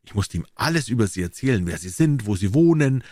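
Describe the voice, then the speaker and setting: A man's voice: fairly low pitch, sing-song, a little fast, a little mellow, no echo, clean studio sound. A man voicing a worldly male painter who teases his friend, in a droll, lightly mocking way, in a storybook reading. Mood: amused.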